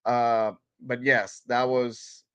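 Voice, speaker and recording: A native Spanish speaker from Puerto Rico, with a Puerto Rican accent, hosts a casual live chat, rambling with lots of fillers and restarts. His medium-pitched voice is flat and clean, and he talks extremely slowly.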